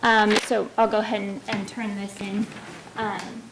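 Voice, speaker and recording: A woman's voice: medium pitch, flat delivery, unhurried, heavy background noise. A woman giving a semi-formal public comment, hesitant, with frequent ums breaking up her phrases. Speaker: public commenter at a city council meeting.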